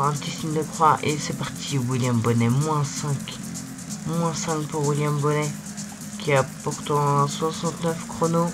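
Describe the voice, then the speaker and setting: A young man commentating casually on a cycling video game, halting and repeating himself, his voice weakened by swollen tonsils. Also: on the high side. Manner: halting, repeats words while searching. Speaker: gaming video host. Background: loud music.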